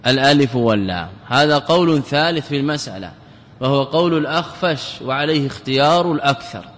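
Sheikh lecturing in a reverberant hall. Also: male voice, medium pitch, animated, a bit bright. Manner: asks rhetorical questions and answers them himself; repeats key words slowly for emphasis. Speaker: sheikh teaching grammar. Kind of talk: classical Arabic grammar lecture. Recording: long reverb of a large hall.

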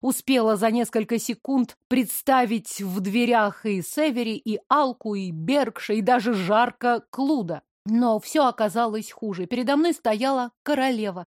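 Brief: woman audiobook narrator, expressive first-person reading, slightly high voice, dry studio sound. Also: moderate pace, hardly any pauses, no room sound.

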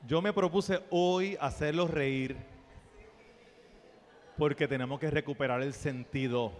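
A man preaching a sermon, playful and animated, dropping to soft asides and then rising to loud exclamations. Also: a little high, slow. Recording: long reverb of a church hall.

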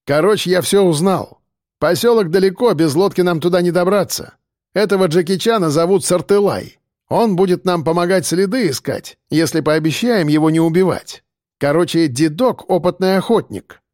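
A man's voice: a little high, sing-song, moderate pace, gravelly, darkish tone, husky, dry recording, studio quality, heavily acted. A man doing a cocky slangy convict. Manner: streetwise slang, wheedling, pushy questions. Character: cocky slangy male convict, scheming and restless.

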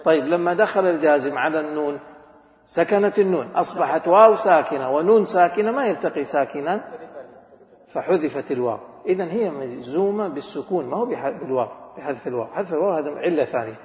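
A man teaching a grammar class, quizzing students and slowly repeating words. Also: fairly high pitch, lively intonation, darkish tone. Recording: echoey hall, dull lo-fi recording.

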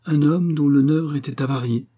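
A man's voice: on the high side, fairly even intonation, normal speed, mellow, slightly rough, voice pushed up. A man reading an earnest, indignant young nobleman in an audiobook, speaking emphatically. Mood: grave.

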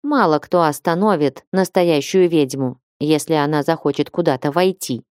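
Quiet creaky-voiced old witch, calm and low, read by a woman narrator, mellow and dry. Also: normal speed, no echo, natural voice. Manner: speaks quietly.

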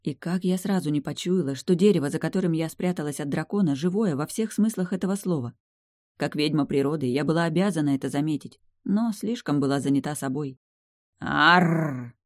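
A woman narrating a first-person fantasy audiobook in a lively, expressive way. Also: sits low, brisk, dry recording, clean studio sound.

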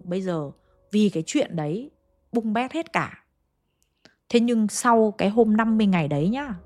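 A woman telling a ghost story in a chatty, conversational way, speaking straight to her listeners. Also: mid-range voice. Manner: chatty, addresses listeners directly.

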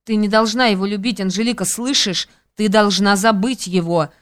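A woman voicing an excitable, anxious young friend, exclaiming her lines in an audiobook. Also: mid-range voice, moderate pace, lightly acted. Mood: excited. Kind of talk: audiobook character reading.

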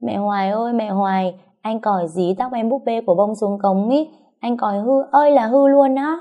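A woman voicing a small excitable girl who whines and tattles in a high childish voice. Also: slow, phone-quality sound, lightly acted. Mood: tearful.

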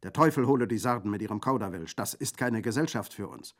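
A man's voice: fairly low pitch, normal speed, darkish tone, pitched above the performer's own voice, close to an everyday voice. A man voicing a hot-tempered older male Corsican bandit in a radio reading, blunt and emphatic. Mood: gruff.

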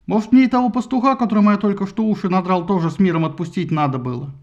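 A man voicing a hotheaded young Greek hero who shouts indignantly, in a satirical audiobook. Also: sits high, rapid-fire, dull audio, natural voice.

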